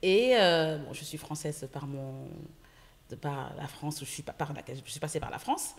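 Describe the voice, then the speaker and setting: A woman from Senegal, a guest entrepreneur, telling stories in a casual interview, lively, with many fillers. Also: deep voice, normal speed. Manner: lively storytelling with frequent fillers. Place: podcast studio.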